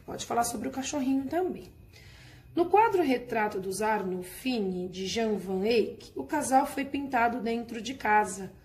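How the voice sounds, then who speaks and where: A woman's voice: on the high side, lively intonation, unhurried, a little mellow, a little hiss or hum. A woman teacher walking her class through a workbook lesson in a patient, explanatory way, checking in with her students often.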